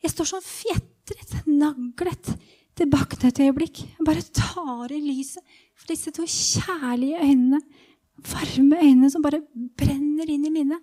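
A woman voicing a blind male beggar who longs to be healed, in a hushed first-person inner monologue that often drops to a whisper, as part of a guided Bible meditation. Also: high-pitched, natural voice. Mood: awed.

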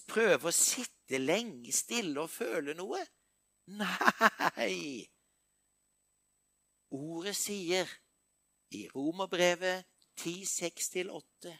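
An older man preaching a sermon, moving between hushed, intimate passages and emphatic bursts. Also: high-pitched, creaky, no echo, studio quality.

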